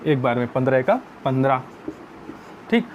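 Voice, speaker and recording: A man's voice: mid-range voice, sing-song, normal speed, highs cut off, slight background noise. A man teaching math, explaining each step patiently and often calling viewers friends.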